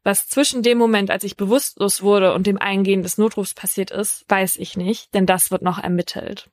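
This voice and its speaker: A woman hosting a true crime podcast, telling a case in a measured, scripted first-person narration. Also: mid-range voice, fairly even intonation, no room sound, clean studio sound.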